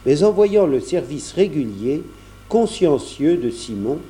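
Slow mellow guy reading a story aloud, lively pitch, measured. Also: slight background noise. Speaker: audiobook narrator. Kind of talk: scripted narration.

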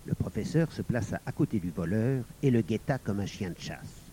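A man's voice: fairly low pitch, lively intonation, moderate pace, warm tone, slight background noise. A man reading a children's novel aloud, narrating expressively. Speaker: audiobook reader. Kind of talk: storybook narration.

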